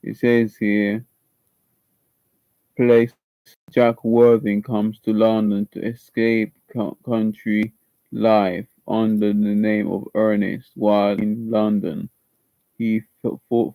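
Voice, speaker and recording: A seated livestreamer at home, preparing an acting audition, has a fairly low, warm, clean-toned voice with a slight Jamaican accent. He chats casually, reads instructions aloud, and often repeats and restarts his words. The audio has no echo but is poor in quality.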